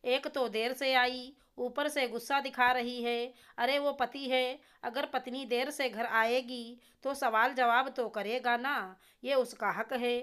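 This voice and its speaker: A woman's voice: on the high side, steady tone, slow, hardly any pauses, a bit bright, smooth. A woman voicing a stern older mother-in-law who scolds in a biting, taunting way. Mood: scolding.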